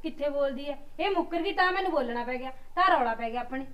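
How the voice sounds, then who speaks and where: A woman playing a sharp-tongued village daughter-in-law in a comedy drama, with a Malwai Punjabi accent, scolding and accusing. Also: sits high, animated. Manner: accusing, scolding, quick retorts.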